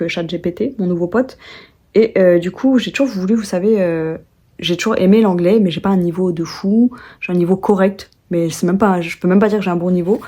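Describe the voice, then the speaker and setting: A woman's voice: lowish voice, mellow. A young woman from France chatting casually to camera at home in a vlog, rambling with many fillers, restarts and self-corrections. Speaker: vlogger.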